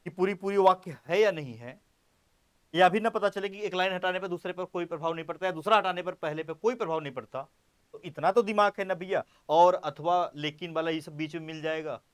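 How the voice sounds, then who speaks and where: A man teaches a classroom grammar lesson in a high, light voice. He repeats words slowly while he writes on the board. He jokes with his students and speaks to them directly. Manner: playful, addresses students directly.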